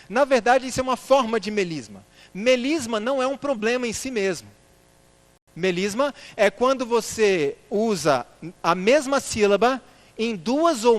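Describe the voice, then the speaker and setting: A man giving a church lecture, putting rhetorical questions to the congregation and calling them brothers. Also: sits high. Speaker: church speaker.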